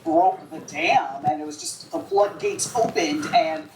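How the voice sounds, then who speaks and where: Female legal commentator, low but animated voice, off-mic and echoey. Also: unhurried, gravelly, a little hiss or hum. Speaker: former prosecutor, interviewee. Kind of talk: news interview answer. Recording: distant echoey clip with faint background.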